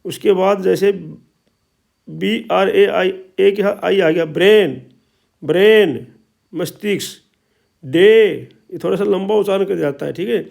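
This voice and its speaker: A man teaching pronunciation, explaining slowly and repeating each sound many times. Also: sits high, fairly even intonation, creaky, darkish tone. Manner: slow, repetitive explaining with drawn-out sounds. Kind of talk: spoken language lesson.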